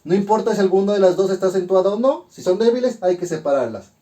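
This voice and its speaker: A man teaching a grammar lesson, methodically walking through examples and sounding out syllables slowly. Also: sits high, animated, dark tone.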